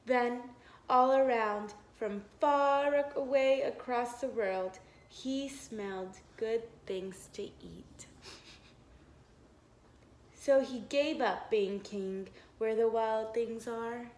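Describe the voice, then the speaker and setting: A female teacher reads a storybook aloud to young children, expressive and encouraging, pausing to ask them questions. Her voice is a little high.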